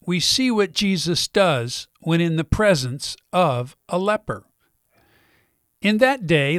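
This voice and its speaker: A middle-aged man preaching a sermon at an unhurried, measured pace, leaning on pauses for weight. His voice sits a touch high for a man and is recorded dry and close, with no room sound. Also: no room sound. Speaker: senior pastor.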